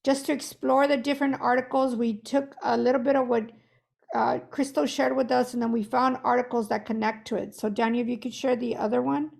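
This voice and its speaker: A woman's voice: fairly high pitch, flat delivery, a little fast, gravelly, darkish tone. A woman who is losing her voice, guiding an online workshop in a chatty, self-correcting way over a video call. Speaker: workshop facilitator.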